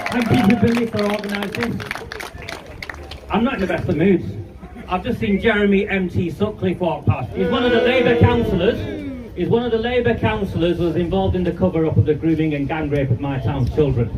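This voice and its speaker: A man's voice: sits high, brisk. A man in his fifties giving an angry, defiant speech at an outdoor street protest, filmed from a distance. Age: 50s. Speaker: rally speaker. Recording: distant, muffled live-stream audio with loud noise.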